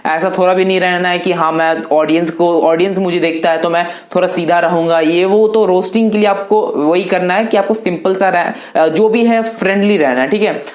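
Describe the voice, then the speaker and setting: A man's voice: high voice, steady tone, normal speed, hardly any pauses. Chatty 18-year-old man in echoey room. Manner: chatty, loose, keeps calling viewers brother. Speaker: YouTuber answering viewer questions. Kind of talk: casual Q&A vlog.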